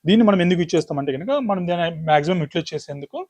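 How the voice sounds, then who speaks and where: A man's voice: a little high, a little mellow. A man presenting a product demonstration, explaining the steps one by one. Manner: rapid explanatory, lists items step by step. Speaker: business demo presenter.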